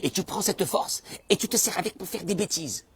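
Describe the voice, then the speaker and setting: A male rabbi preaches with a slightly raised, husky voice that swings widely in pitch. He acts out the people he quotes and suddenly bursts into shouts. The sound is close and dry. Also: expressive, brisk, no echo. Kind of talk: animated sermon.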